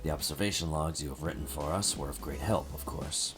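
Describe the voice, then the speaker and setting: A man voicing a calm, formal researcher who speaks in a measured, dry way. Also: rumbling low, faint music behind.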